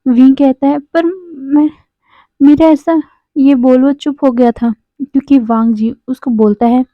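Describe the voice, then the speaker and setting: A woman casually retelling a fan fiction story in a plain, steady way, with a few small restarts. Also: sits high, moderate pace, no echo. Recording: dry, phone-like narrow sound.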